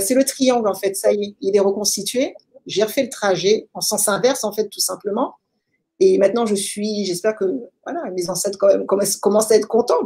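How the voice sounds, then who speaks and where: A woman with a French accent answers an interviewer at length in a relaxed, storytelling way. Her voice is mellow and slightly husky, with an ordinary middle pitch. She thinks aloud, filling pauses with soft hesitations. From France. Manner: reflective, animated storytelling with many fillers. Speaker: interview guest. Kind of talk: casual conversational storytelling.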